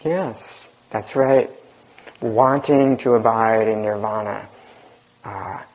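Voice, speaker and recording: Soft-spoken male meditation teacher, gravelly and unhurried, low voice. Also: low-quality recording. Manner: slow, reflective, soft-spoken with pauses. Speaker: dharma teacher. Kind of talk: group dharma discussion.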